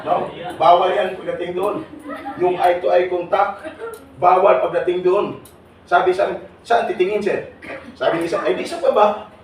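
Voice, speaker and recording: A man leading a seminar for overseas workers, teasing and questioning the audience in a lively way. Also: sits high, moderate pace. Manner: teasing, jokey, calls on audience members. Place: large hall with audience. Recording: echoey hall, voice from far off, noisy.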